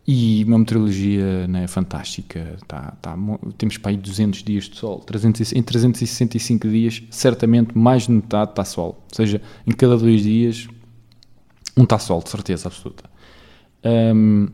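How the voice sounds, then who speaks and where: A man's voice: fairly low pitch, mellow. A man from Portugal with a European Portuguese accent, hosting his own solo podcast in a casual rambling monologue full of fillers and tag questions. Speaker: podcast host.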